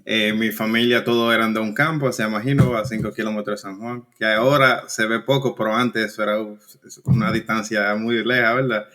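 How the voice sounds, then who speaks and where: Relaxed and hesitant, this young Dominican engineer is a guest in a laid-back interview, his lowish voice carrying a Dominican Spanish accent. He frequently stops to restart his sentences and leans on fillers.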